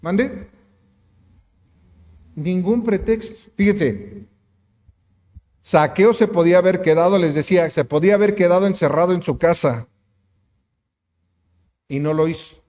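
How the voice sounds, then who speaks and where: A man's voice: high-pitched, a little slow, pauses often, darkish tone, long reverb tail. A man preaching a sermon as pastor, emphatic, asking the congregation rhetorical questions. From Mexico. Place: church sanctuary.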